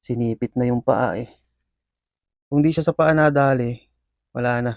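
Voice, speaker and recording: A man's voice: medium pitch, normal speed, no echo. Guy hyping up his scorpions, chatty, lots of fillers, dull dry mic. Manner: excited play-by-play with frequent fillers, addressing viewers. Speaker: pet scorpion keeper and video host. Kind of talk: casual commentary while feeding pets.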